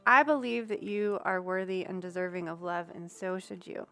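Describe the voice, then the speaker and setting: A young woman streaming tarot readings chats casually with her viewers, thinking aloud and using lots of fillers. Her voice is fairly low and gravelly with a slight brightness, clean in tone, at a moderate pace.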